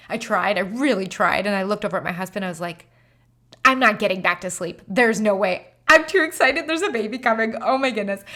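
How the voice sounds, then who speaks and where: Woman, 30s, podcast host, chatty storyteller, mid-pitched, acts out quotes with high bursts. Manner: animated, acts out quoted dialogue with sudden high exclaims. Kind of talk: personal storytelling.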